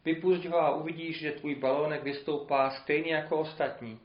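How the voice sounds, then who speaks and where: A man playing a kind balloon seller who speaks slowly and reassuringly, in a roomy, dull recording. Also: fairly high pitch, fairly even intonation, natural voice.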